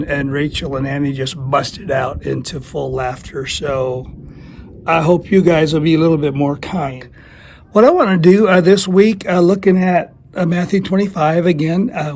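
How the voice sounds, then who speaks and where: A man talks in a thin, reedy squeak that runs somewhat high. His voice is husky and strained, as with a passing bug. He gives a casual devotional talk in a plain-spoken, self-deprecating, folksy way. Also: a little mellow. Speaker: church small-group leader giving a video teaching.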